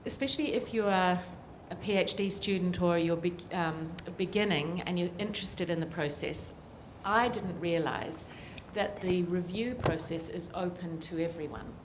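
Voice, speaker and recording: A woman's voice: lowish voice, moderate pace, hardly any pauses, noisy background. A middle-aged woman with a New Zealand accent, speaking earnestly as a panelist and political scientist with frequent ums. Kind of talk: panel discussion remarks.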